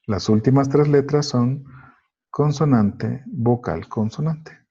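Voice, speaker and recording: A man whose first language is Spanish, teaching an English grammar lesson, slowly working through each example step by step. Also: medium pitch, warm tone, husky. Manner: slow, methodical, explains step by step. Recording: dull lo-fi recording.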